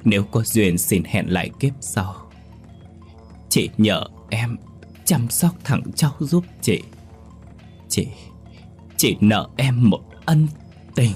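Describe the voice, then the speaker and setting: A man voicing a dying young woman who speaks faintly and haltingly, gentle and apologetic. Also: on the low side, faint music behind. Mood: faint tender. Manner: faint, slow, halting farewell.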